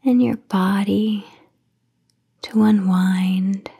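A woman whispering a guided sleep meditation, slow and soothing with long pauses. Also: medium pitch, fairly even intonation, creaky, dark tone, breathy edge.

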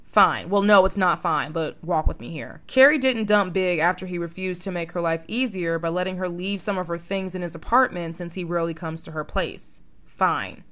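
A woman's voice: on the low side, normal speed, few pauses, fairly bright tone. A young woman in her twenties narrating a video essay with sardonic, opinionated commentary.

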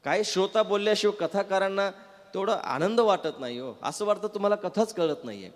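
High, animated man preaching a katha. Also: a little fast. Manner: lively, coaxing the crowd to answer back. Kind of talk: devotional sermon to a live audience. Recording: reverberant hall with faint music.

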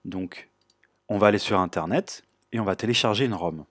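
Homme à la voix grave et voilée. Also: male voice, fairly low pitch, normal speed, breathy edge, dry recording, studio quality. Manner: relaxed, explanatory, frequent "euh" fillers. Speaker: tutorial host. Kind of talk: screen-recorded tech tutorial.

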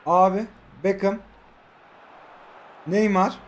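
A young man in his twenties with a fairly high voice, calling his mobile football match as he plays. He yells at his players when chances come and goes, then mutters low to himself about substitutions and tactics. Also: slow. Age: 20s. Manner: excitable, shouts at players, swings between loud outbursts and muttered low asides. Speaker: mobile football gamer streamer. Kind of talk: live gameplay commentary.

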